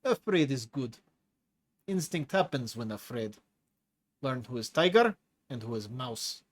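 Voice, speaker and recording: A male narrator takes on a storybook creature for an audiobook: a hulking, cocky prisoner with claws who growls broken English in a heavy accent. Sing-song and a little slow, he relishes every boast, and his pitch ranges widely when he's excited.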